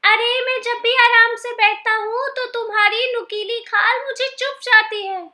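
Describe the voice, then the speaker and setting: A woman voicing a naive, cheerful male monkey in a children's storybook, chirpy and rushed, jumping high when frightened. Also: fairly even intonation, pushed and bright, full character voice.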